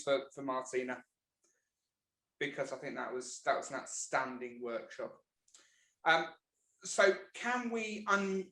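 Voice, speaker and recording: A man hosting an online meeting, enthusiastic and halting, often repeating words. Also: fairly high pitch, fairly bright tone, roomy sound, low-quality recording. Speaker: host.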